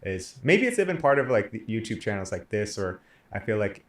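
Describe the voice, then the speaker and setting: A young man hosting a casual podcast interview, animated and quick to laugh. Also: fairly low pitch. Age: young adult. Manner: laughs often, animated storytelling. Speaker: podcast host. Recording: echoey room.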